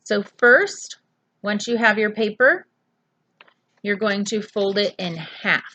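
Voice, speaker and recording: A woman teaching a phonics lesson to young children, sounding out letters slowly, clearly and patiently in a home video lesson. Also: mid-range voice, pushed and bright.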